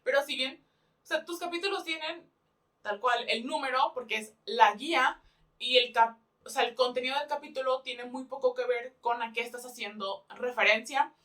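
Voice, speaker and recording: A woman's voice: high voice, normal speed, bright, forceful tone, far from the mic. A young woman with a Mexican accent in a casual book review chat, talking in a chatty way, often laughing and rephrasing herself.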